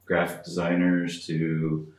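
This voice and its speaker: A man's voice: low-pitched, completely flat delivery, slow, a little mellow, a little hiss or hum. A man hosting a podcast, chatting casually as he introduces and interviews a guest. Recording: roomy computer-speaker recording.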